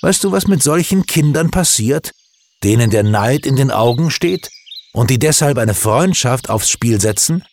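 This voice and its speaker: A man's voice: mid-range voice, animated, normal speed, a little mellow, slight background noise, voice pushed up, close to an everyday voice. A man voicing a stern father who lectures his son with pointed questions in a storybook reading. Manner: reproachful, questioning.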